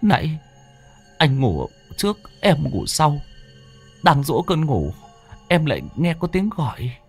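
Man putting on a high panicky young villager, stammering, pleading, shaky. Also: huge pitch swings, slow, husky, soft background music, heavily acted. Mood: terrified stammering.

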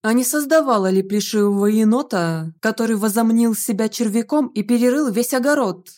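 A stern middle-aged rector of a magic academy, exasperated with his daughter. He scolds in measured, weary bursts, read by a woman narrator. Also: on the high side, lively intonation, a little mellow, close to an everyday voice. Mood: scolding.

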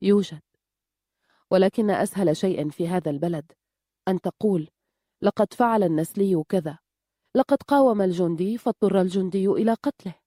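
A woman voicing a weary, grim woman who leads a village of outcasts, speaking gravely. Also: mid-range voice, a little fast, long pauses, mellow, dry recording, studio quality, natural voice. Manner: grave, somber delivery.

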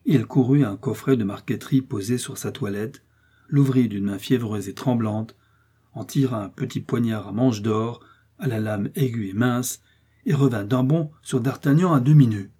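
A man narrating a classic novel aloud, expressive and rising with the action. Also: medium pitch, moderate pace, husky. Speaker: audiobook narrator. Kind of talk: dramatic novel reading.

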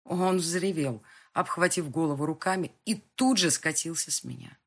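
A woman narrating a first-person audiobook with a husky voice and tense dramatic reading. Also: low voice, normal speed.

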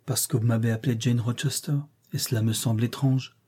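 A man's voice: medium pitch, steady tone, brisk, dark tone, breathy edge, close to an everyday voice. A man reading aloud and voicing a shy, earnest young governess in a classic novel. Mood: puzzled.

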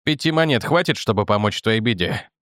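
A man voicing a calm young man who speaks curtly and reasonably. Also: on the low side, fairly quick, no echo, voice pushed down. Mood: dry. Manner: dry, curt, reasonable.

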